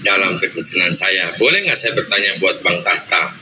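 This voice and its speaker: A man's voice: sits low, expressive, moderate pace, background noise. A man politely asking a hesitant question as a caller.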